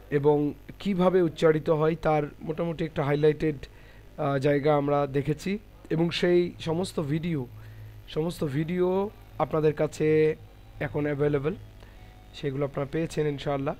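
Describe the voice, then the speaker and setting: A man teaching a Quran reading class online, slowly and carefully demonstrating Arabic letter sounds with many repetitions. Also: a little high, a little mellow. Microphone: computer mic on a video call.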